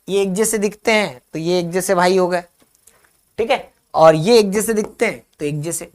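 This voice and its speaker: A male teacher runs a live online grammar class. He answers viewers' comments in a reassuring tone and dictates definitions slowly, repeating each phrase. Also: high-pitched.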